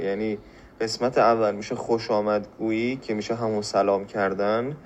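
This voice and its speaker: A man from Iran teaching a spoken language lesson on a podcast. He explains patiently, repeats phrases slowly and asks rhetorical questions. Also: mid-range voice, slight background noise.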